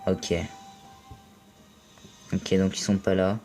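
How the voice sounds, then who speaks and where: A young French man casually commentating a mobile game match, playful and excitable, joking and swearing at his teammates. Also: low voice, slow pace, faint music behind. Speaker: gaming video commentator.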